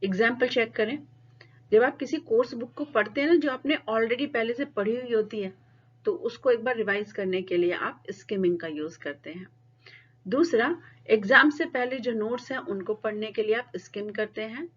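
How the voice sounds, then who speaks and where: A woman teaching a lecture class, explaining in Hindi mixed with English and reading English definitions slowly and deliberately. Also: a little high, husky, highs cut off.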